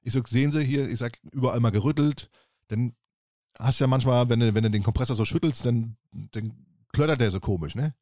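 A man's voice: medium pitch, brisk, dark tone, no room sound, clean studio sound. A man co-hosting a casual podcast, telling rambling anecdotes from his service job and acting out both sides of the dialogue. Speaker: podcast co-host, appliance service technician. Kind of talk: casual chat, storytelling.

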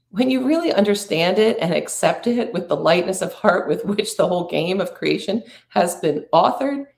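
A middle-aged woman hosting an inspirational talk, speaking in slow, drawn-out, reflective phrases and inviting the listener to breathe. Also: on the low side, vocal fry, darkish tone, reverberant. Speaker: podcast host and spiritual coach.

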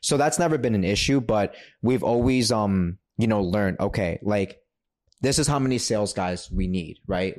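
A fairly low-voiced man from New York talking on a casual podcast. He swears freely and tells stories in a brash, animated way, going from quick jokes to slower, deliberate explanations of running a business. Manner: brash, profane, animated storytelling. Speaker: podcast guest, credit repair entrepreneur.

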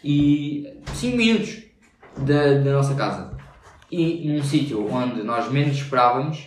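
A man's voice: medium pitch, expressive, unhurried, very echoey, recorded from a distance, slight background noise. A young man with a European Portuguese accent chiming into a shared story in casual chat.

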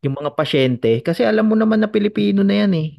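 A Filipino man co-hosts a casual podcast, asking questions with a gravelly edge to his slightly raised voice. The sound is dry and close. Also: high-pitched, lively intonation, fast, no room sound, lo-fi sound. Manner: asks questions, casual teasing. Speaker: podcast co-host. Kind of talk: casual chat.

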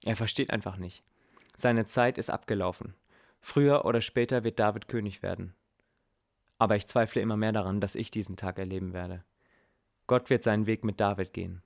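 A man's voice: lowish voice, steady tone, fairly quick, vocal fry. A man narrating a dramatic story in the first person, earnest and reflective, with blunt casual swearing.

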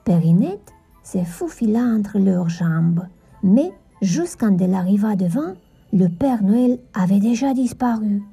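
Breathy dark-voiced woman storyteller. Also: mid-range voice, lively intonation, unhurried, soft background music. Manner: gentle storytelling. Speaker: narrator. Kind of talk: scripted children's story narration.

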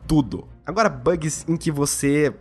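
A man's voice: fairly high pitch, unhurried. A young Brazilian man giving a casual, blunt and opinionated game review, swearing freely. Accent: Brazilian Portuguese. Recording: faint music behind the voice.

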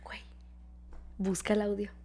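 A woman's voice: medium pitch, normal speed. A young woman with a Mexican Spanish accent telling a story in casual chat, swearing and laughing often. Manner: profane, laughing, lively retelling.

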